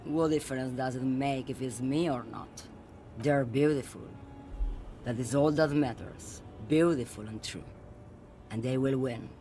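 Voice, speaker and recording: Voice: mid-range voice, measured pace, mellow, faint music behind, natural voice. An actor playing a nostalgic, defiant old woman truck driver in a video game, wistful and insistent. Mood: dreamy, defiant. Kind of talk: video game character acting.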